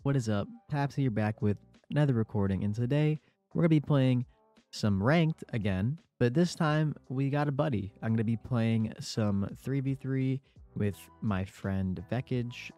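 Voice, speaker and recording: A young gaming YouTuber with a warm, fairly low voice delivers easygoing play-by-play over his own gameplay, audibly congested from a cold.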